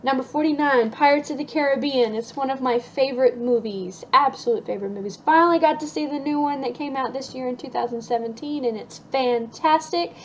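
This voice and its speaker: A woman's voice: high voice, brisk, hardly any pauses, a little hiss or hum, poor audio. A young woman chatting casually through a list of her favorite things, upbeat with lots of ums and restarts. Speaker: vlogger.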